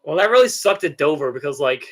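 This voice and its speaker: A man's voice: a little high, animated, fast, fairly bright tone, poor audio. A young man chatting casually while watching a race, rambling and stammering with lots of restarts. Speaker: video creator.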